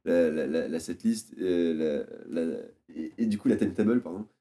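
A man's voice: low voice, normal speed, dark tone. A man chatting casually as a podcast co-host, telling an anecdote animatedly with many fillers and restarts. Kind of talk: casual chat.

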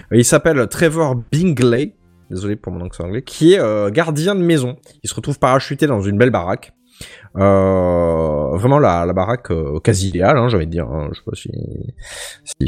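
A man hosting a casual podcast, telling stories in an animated, joking way. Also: mid-range voice. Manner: lively, joking, animated storytelling. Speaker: podcast host.

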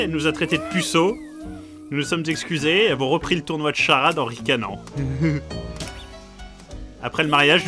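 Animated man narrating a comic diary. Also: on the high side. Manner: deadpan absurd storytelling. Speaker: podcast host. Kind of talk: comedic scripted narration as a diary.

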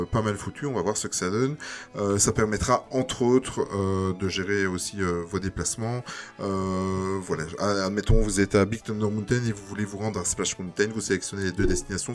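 A man hosting a casual podcast chat, presenting news items to his listeners in a relaxed way. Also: fairly low pitch. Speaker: podcast host.

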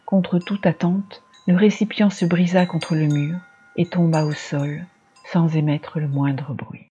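A storyteller giving a measured, dramatic scripted reading of a dark fantasy tale. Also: medium pitch, fairly even intonation, highs cut off, soft background music.

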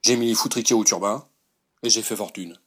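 A gruff old colonel, played by a man, barks his record in short, clipped boasts. The voice is low and husky, and it sounds distant, as if taken from an audition recording. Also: fairly quick, fairly bright tone. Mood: boastful. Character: boastful old male war-veteran colonel.

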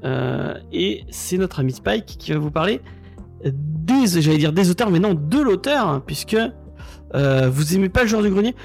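A man hosting a casual chat close to the mic, hesitant and full of filler pauses. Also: on the high side, animated, vocal fry, darkish tone, faint music behind. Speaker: podcast host.

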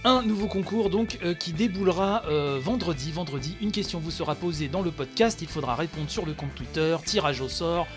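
A man's voice: a little high, fairly quick, few pauses, music in the background. A man hosting a solo podcast, talking through news in a chatty way, with many fillers while reading and quoting an article. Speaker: podcast host.

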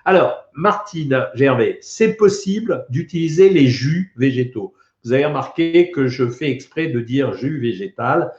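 A man's voice: medium pitch, animated, a little slow, darkish tone. A man, a doctor answering viewer questions on a casual live stream, reassuring and chatty as he reads out comments and replies. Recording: echoey room, dull lo-fi sound.

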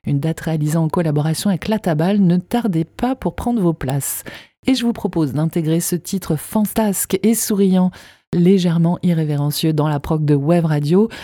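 A woman's voice: on the low side, normal speed, warm tone, no room sound, studio quality. A woman presenting the new-release music segment on a local radio station, reading a polished, enthusiastic script.

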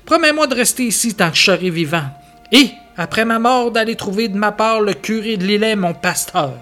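A man's voice: high-pitched, brisk, pushed and bright, soft background music, pitched above the performer's own voice. A man reading the part of a dying, repentant woodsman who pleads and confesses his wrongs in an audio story. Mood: frightened. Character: dying repentant male woodsman, feverish and frightened.

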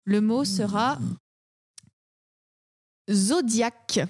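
A woman hosting an improv show, announcing the next round in a lively way. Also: on the high side, extremely slow, dry recording, studio quality. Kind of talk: casual chat.

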